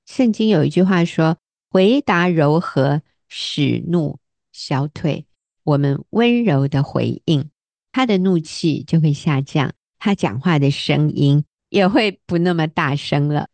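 A woman with a lowish voice gives counsel on a faith talk show. She tells her stories with lively energy and acts out the lines she quotes. The sound is dry and close. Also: a little slow, no echo. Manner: animated, acts out quoted dialogue with laughs.

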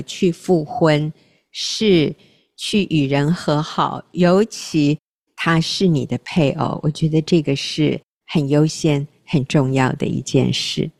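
Earnest woman radio host, low voice. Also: a little mellow, no room sound, studio quality. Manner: earnest, reflective, self-deprecating. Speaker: radio talk show host.

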